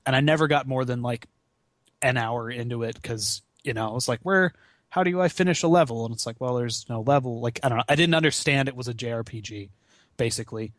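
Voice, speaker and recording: In a studio-quality recording with no room sound, a gaming marathon runner in his twenties guests on a podcast, chatting loosely about video games with free swearing and slangy jokes at his own expense. His mid-range voice moves at a brisk pace.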